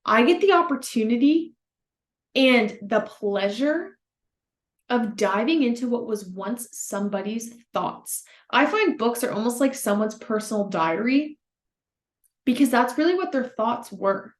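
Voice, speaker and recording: A young woman in her twenties hosts a solo motivational podcast from home, her voice sitting a little on the high side. She talks earnestly and brightly, speaking straight to her listeners. The room around her sounds noticeably echoey. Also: animated, a little slow. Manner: earnest, upbeat, addresses listeners as "you guys". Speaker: podcast host.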